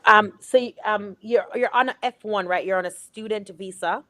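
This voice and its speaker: A woman's voice: mid-range voice, moderate pace, a bit bright. A woman attorney speaking over a dry remote line with no room echo. She answers callers methodically, asking clarifying questions before giving options. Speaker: immigration attorney guest. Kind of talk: advising callers on a live show.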